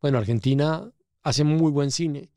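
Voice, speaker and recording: A man's voice: fairly high pitch, measured pace, dark tone, no echo, clean studio sound. A Colombian man, a casting director, talking expressively as a podcast guest and acting out the people he quotes. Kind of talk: casual interview.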